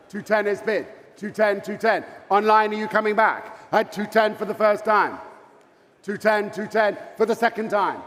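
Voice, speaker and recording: A man's voice: sits high, fairly bright tone. A man working as a fine art auctioneer, calling bids live in a repetitive chant with courteous asides to bidders. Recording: echoey auction hall with long reverb.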